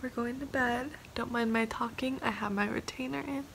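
Teen girl friend in a vlog, soft-spoken and laid-back, slightly high voice. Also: steady tone, moderate pace, creaky, a little hiss or hum. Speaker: friend at a sleepover. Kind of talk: casual vlog chat.

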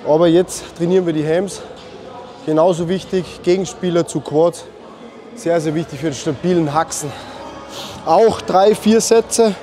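A man's voice: a little high, measured pace, mellow, faint music behind. A man explaining his leg workout in a casual, instructive way, dropping English gym slang. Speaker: fitness vlogger.

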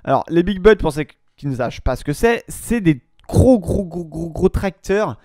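A man's voice: fairly high pitch, lively intonation, moderate pace, darkish tone, no echo, studio quality. A young man hosting a casual web radio show in French, rambling with many hesitations and restarts and promising to get back to topics later. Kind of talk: casual solo radio-style chat.

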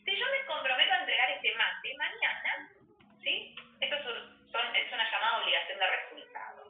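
A woman teaches a law class and checks in with "¿sí?" as she goes. Her voice is fairly high and moves a lot in pitch. She sounds far from the mic, in an echoey classroom heard through a tinny, phone-like recording. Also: very animated, moderate pace. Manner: explanatory, checks with frequent "¿sí?". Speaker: law lecturer. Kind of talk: university lecture.

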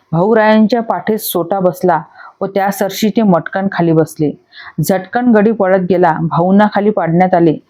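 A woman narrating a storybook audiobook in a steady, measured way, on a dull lo-fi recording. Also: medium pitch. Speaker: audiobook reader.

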